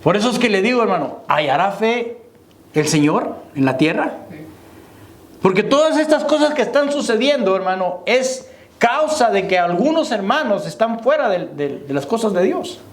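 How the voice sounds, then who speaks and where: High-voiced preaching pastor, echoey church. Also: male voice, expressive, normal speed. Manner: preaching to the congregation, repeating "hermano" and "¿me entiende?". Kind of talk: sermon.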